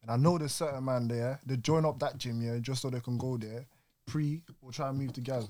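A man's voice: mid-range voice, fairly even intonation, a little fast, a little mellow, slight background noise. A man with a London roadman style British urban accent, chatting casually on a podcast in street slang full of tag questions. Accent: British urban street (London roadman style MLE).

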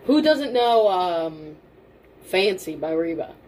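A woman's voice: on the low side, takes it slowly, rough recording. A young woman co-hosting a podcast in casual chat, talking informally and emphatically, often repeating herself for stress. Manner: informal, emphatic repetition, mild swearing. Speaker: podcast co-host. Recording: steady background noise and room ambience.

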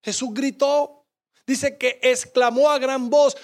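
A man preaching a sermon as pastor, impassioned, dropping to a hush when he quotes Jesus. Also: extremely high pitch, little pitch movement, takes it slowly.

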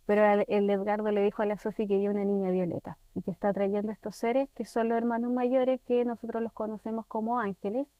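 A woman's voice: medium pitch, fast, few pauses, no room sound, highs cut off. A middle-aged woman with a Chilean accent, telling her story as a guest in a casual conversation and acting out the dialogue she remembers. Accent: Chilean Spanish. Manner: animated, acts out remembered dialogue.

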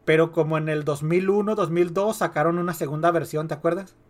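A man's voice: fairly high pitch, steady tone, a little fast. A Mexican man hosting a podcast, chatting casually about music in a slangy, rambling way. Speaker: podcast host. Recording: music behind the voice.

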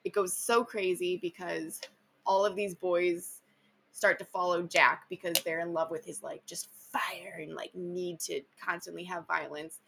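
Bright chatty woman hosting a show. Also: fairly low pitch, steady tone, measured pace, creaky, slight background noise. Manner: chatty, filler-heavy, enthusiastic. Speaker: podcast host. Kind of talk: casual book chat.

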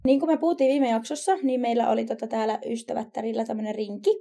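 A woman's voice: fairly high pitch, fairly even intonation, creaky, warm tone. A young woman co-hosting a casual podcast chat, blunt and playful, laughing often. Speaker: podcast co-host.

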